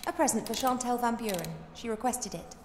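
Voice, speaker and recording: A woman voicing a young, plucky, polite elf princess in a video game, expressive and articulate. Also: fairly high pitch, fairly quick, noisy background, natural voice. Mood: pointed. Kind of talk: video game character acting.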